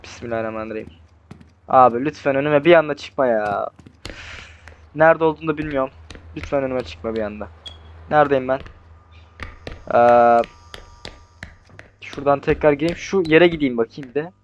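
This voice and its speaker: A young man commentating his horror game playthrough, talking nervously to the monster and swinging between hushed mutters and startled yells. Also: medium pitch, moderate pace, pauses often, highs cut off, slight background noise. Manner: jumpy, talks to the monster, swings from hushed to yelling. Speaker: gaming YouTuber.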